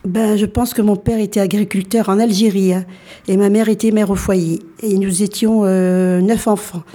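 A woman in her sixties, born in Algeria, telling her life story as a radio guest and often pausing to restart her sentences. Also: medium pitch, steady tone, mellow. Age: 60s. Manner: hesitant, many fillers and restarts.

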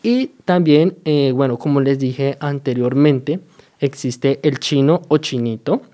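A Colombian man with a Colombian Spanish accent casually walks his viewers through everyday slang. His medium-pitched voice is warm, and he talks in a relaxed, chatty way, dropping lots of fillers and quick "¿sí?" checks.

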